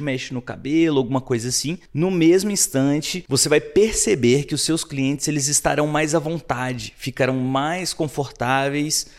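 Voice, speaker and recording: A man with a Brazilian Portuguese accent hosts an advice video, speaking straight to his viewers and walking them through numbered sales tips. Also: on the high side. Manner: instructive, addresses viewers directly and lists numbered tips. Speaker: sales coach and channel host. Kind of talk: direct-to-camera advice video.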